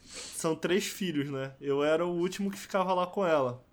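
A man's voice: on the high side, a little fast. A young man chatting casually as a podcast guest, telling stories with lots of slang fillers. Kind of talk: casual chat.

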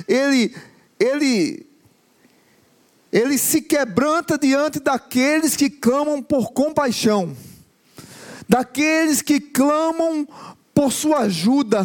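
A man preaching a sermon to a congregation, building slow emphatic lists of repeated phrases and sometimes breaking into song. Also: very high voice, darkish tone.

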